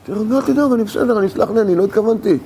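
A man's voice: high-pitched, warm tone, slightly rough, voice pushed up. A man acting out a fellow with an axe who stammers apologies and lame excuses for smashing walls. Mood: sheepish pleading.

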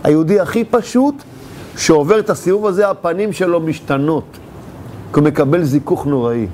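A man's voice: a little high, darkish tone, a little hiss or hum. A man teaching a religious lesson, animatedly telling a parable and acting out its scenes.

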